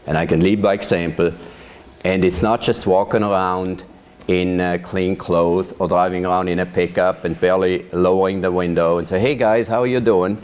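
Deep-voiced man telling his story. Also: fairly even intonation, a little mellow, smooth. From Switzerland. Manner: measured storytelling with occasional laughs. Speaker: interviewee, vineyard manager. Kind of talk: oral history interview. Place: his farm.

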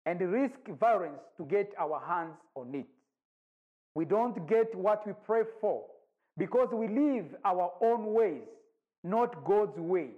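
A man, an evangelist giving a measured recorded sermon. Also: sits high, darkish tone. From Rwanda. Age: 40s. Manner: measured, deliberate preaching with long pauses. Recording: dull lo-fi recording.

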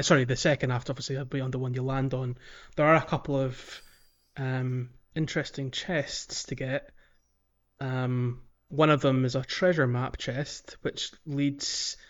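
On a muffled recording, a mid-range male voice carries a casual podcast about video games. The host is talkative, hesitant and prone to rambling.

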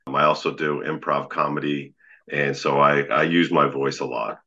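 Very deep, magnetic-voiced man in conversation. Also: fairly even intonation, normal speed, pushed and bright. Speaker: podcast guest, leadership coach. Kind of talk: conversational interview storytelling. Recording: slightly dull, lo-fi.

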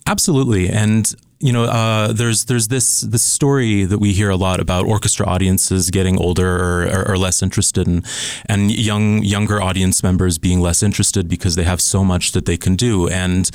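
A man's voice: deep voice, level tone, normal speed, a little mellow, smooth, dry recording. A man in his thirties, born in Scotland and raised in Switzerland, talking eagerly as a guest in a casual radio studio interview. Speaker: conductor candidate, interview guest.

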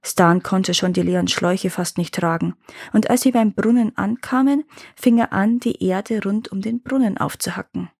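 A woman narrating a fairy tale in calm, measured scripted storytelling. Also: medium pitch, gravelly, husky, dry recording, studio quality. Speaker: storyteller reading fairy tales.

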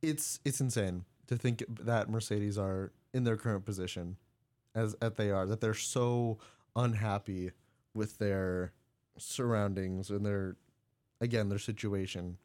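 A man's voice: on the low side, fairly even intonation, unhurried, a little mellow. Casual podcast co-host, male, jokey, laughs through his lines, rambling delivery. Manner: joking, laughs mid-sentence, rambling. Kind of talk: casual sports chat. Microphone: studio mic.

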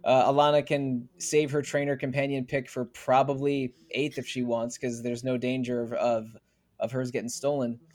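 A man's voice: medium pitch, flat delivery, moderate pace, a little mellow. A man hosting a casual podcast draft, calling on each player in turn and chatting between picks. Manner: moderating, calling on players by name. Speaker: host running a draft.

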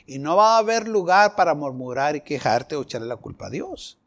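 High-voiced impassioned male preacher. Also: sing-song, a little fast, a bit bright. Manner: impassioned preaching, voicing prayers and quoted complaints. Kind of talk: sermon.

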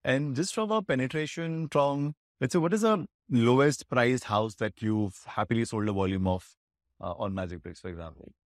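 A man's voice: mid-range voice, moderate pace, no room sound, clean studio sound. A man with an Indian English accent hosting a business interview, framing long, analytical questions in a conversational way. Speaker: interviewer, podcast host.

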